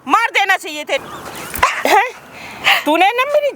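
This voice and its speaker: Woman doing a scolding mom-in-law, super bright sharp voice, swings up and down a lot. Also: very high-pitched, sing-song, takes it slowly, a little hiss or hum, exaggerated voice. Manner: scolding, indignant. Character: outraged mother-in-law defending her son-in-law. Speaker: mother.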